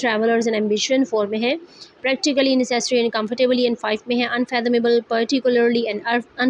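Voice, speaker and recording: A woman teacher working through workbook answers, reading each English instruction slowly, then explaining it quickly and listing the answers one by one. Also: fairly high pitch, a little hiss or hum. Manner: methodical, lists answers one by one.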